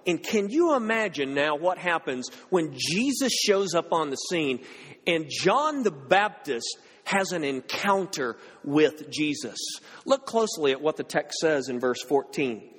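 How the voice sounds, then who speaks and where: Husky-voiced man preaching a sermon. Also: on the high side, sing-song, measured pace, a bit bright. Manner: emphatic, rhetorical questions to the congregation. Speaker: pastor. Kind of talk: expository sermon. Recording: reverberant hall.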